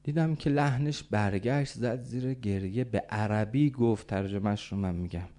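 A man preaching a sermon as a dramatic story, swinging from soft, hushed lines to loud calls. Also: lowish voice.

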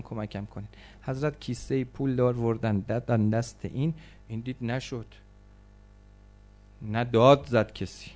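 A man preaching a religious story as a sermon, acting out the cries of the people in it and swinging from loud outbursts to hushed, slow passages. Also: mid-range voice. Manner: dramatic, acts out quoted cries and voices, swings from loud to hushed.

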